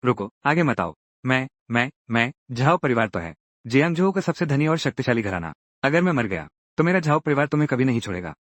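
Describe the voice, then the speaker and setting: A man's voice: mid-range voice, big pitch swings, a little fast, fairly bright tone, no echo. A male dub actor playing an arrogant young heir of a powerful family who stammers threats and begs for his life. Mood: blustering. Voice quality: blustering, stammering. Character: arrogant rich young heir turned begging coward. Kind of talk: Hindi dub of a drama series.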